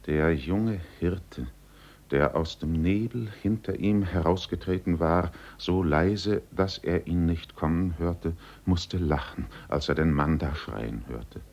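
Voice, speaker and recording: A man with a very deep, husky voice reads a story aloud in a slow, measured way. The narration is scripted and unhurried. The recording sounds dull and lo-fi. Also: a little mellow.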